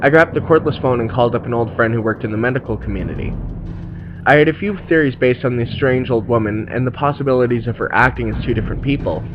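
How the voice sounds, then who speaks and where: A man reading a horror story aloud in measured scripted narration. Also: mid-range voice, lo-fi sound, background noise.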